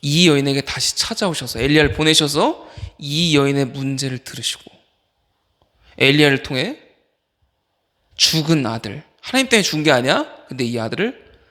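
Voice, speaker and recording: Preaching casually to a youth group, this associate pastor has a fairly high voice, a moderate pace and long pauses. His youth sermon is animated: he fires questions at the teenagers and picks them out by name.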